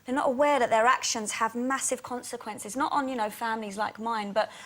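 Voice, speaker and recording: A woman in her twenties, a guest on a TV chat show, talking quickly and animatedly, sometimes giggly. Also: on the high side, fairly even intonation, a bit bright. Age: 20s. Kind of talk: casual TV chat show interview. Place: TV studio.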